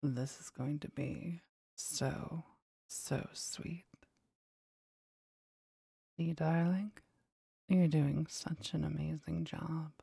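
Breathy, whispering low-voiced woman. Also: steady tone, very slow, long pauses, no echo, studio quality. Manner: soft, teasing, commanding whisper. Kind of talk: whispered intimate ASMR roleplay.

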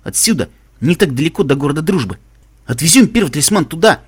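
A man's voice: fairly high pitch, big pitch swings, fast talker, breathy edge. A man voicing a brash, cocky male pegasus pony who talks bluntly and teases his friends, in a storybook reading. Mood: firm.

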